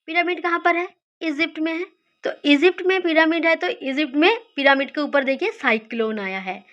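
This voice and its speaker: High-pitched female tutor, patient and repetitive, poses and answers her own quiz questions; muffled lo-fi audio. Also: a bit bright. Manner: repeats key words slowly, asks and answers her own questions. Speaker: teacher of memory tricks. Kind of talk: explaining study mnemonics.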